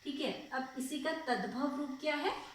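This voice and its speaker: A woman's voice: high-pitched, measured pace, far from the mic, a little hiss or hum. Patient woman teacher, echoey room. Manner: patient, repeats and asks checking questions. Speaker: school teacher. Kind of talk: grammar lesson.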